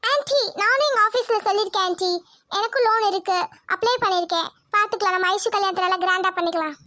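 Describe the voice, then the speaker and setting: A woman's voice: very high-pitched, fast, sharp tone, no room sound, studio quality, voice pushed down. A woman voicing an eager, helpful young daughter-in-law in a cartoon.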